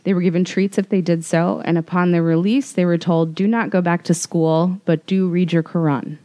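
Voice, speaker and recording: A woman with a fairly low, mellow, relaxed voice presents a podcast segment. She is composed and explains things conversationally, as a co-host would. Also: moderate pace. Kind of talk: news segment told conversationally.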